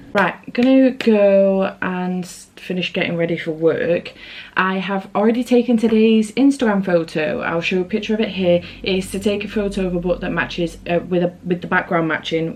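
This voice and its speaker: A woman's voice: medium pitch, a little mellow, a little hiss or hum. A British woman chatting casually to camera as a book vlogger, rambling along with self-aware asides.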